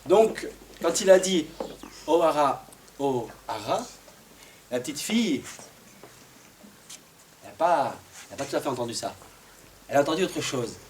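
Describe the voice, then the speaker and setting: A man telling a Christmas tale to a live audience in a playful, animated way, sometimes singing and getting listeners to join in. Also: a little high, normal speed, pauses often, a little hiss or hum. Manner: lively, playful, sings and gets the audience to join in. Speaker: storyteller. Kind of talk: oral storytelling to a live audience.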